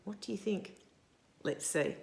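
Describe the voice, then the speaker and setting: A woman in her sixties with a medium-pitched, gravelly voice reads a picture book to young children at storytime. She is deliberate and animated, stopping to ask her listeners questions.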